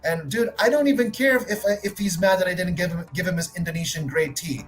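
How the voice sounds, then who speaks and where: A man with a fairly high voice rants in an animated, swearing streak during a casual chat stream. Faint music plays behind him. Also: fast talker. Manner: animated, ranting, swears freely.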